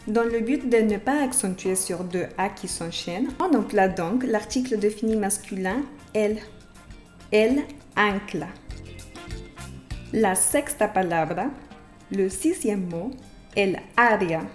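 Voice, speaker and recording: Clear French-speaking woman teaching Spanish. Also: mid-range voice, expressive, a little mellow, faint music behind. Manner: clear, careful, repeats words slowly for learners. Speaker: Spanish teacher and podcast host. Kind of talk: podcast lesson.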